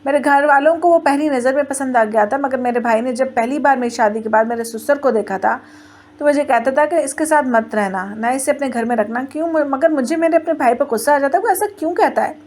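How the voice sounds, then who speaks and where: A woman's voice: high voice, a little fast, a little mellow. A woman in her twenties narrating a first-person family story in a plain storytelling way, voicing the quoted lines in her own voice. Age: 20s.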